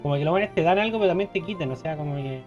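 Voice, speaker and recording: Joking Chilean gaming streamer. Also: male voice, a little high, rapid-fire, muffled recording, music in the background. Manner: casual, joking, reads game text aloud. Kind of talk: let's play commentary.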